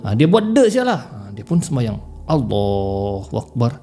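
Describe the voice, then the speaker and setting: A man's voice: on the high side, normal speed, faint music behind. A man hosting a horror story podcast, telling the tale casually and acting out the characters' cries. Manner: animated, acts out voices and cries in the telling.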